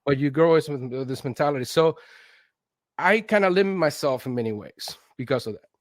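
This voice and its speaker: This interview guest, a Spanish-speaking instructional design consultant from Venezuela in his late 40s, talks through personal anecdotes in a fairly high voice at a moderate pace. Animated, he quotes his own thoughts and frequently asks "right?". The recording carries no room sound.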